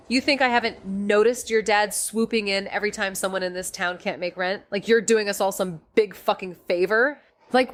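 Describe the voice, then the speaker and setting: In a first-person noir audio drama, a young adult actress voices Amy, a fierce, sarcastic, foul-mouthed detective, in a medium-pitched, lightly acted way. She sounds angry and confrontational, sardonic and blunt, rambling and interrupting herself as she tells her story.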